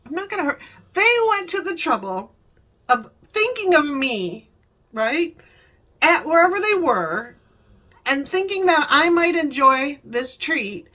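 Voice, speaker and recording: A woman's voice: high voice, pushed and bright. A woman vlogger telling a family story in casual chat, laughing often and acting out the voices of the people she quotes.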